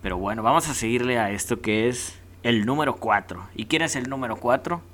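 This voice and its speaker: A man's voice: medium pitch, a little fast, a bit bright. A man with a Mexican accent hosting a casual countdown vlog, rowdy and jokey with heavy slang. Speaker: host.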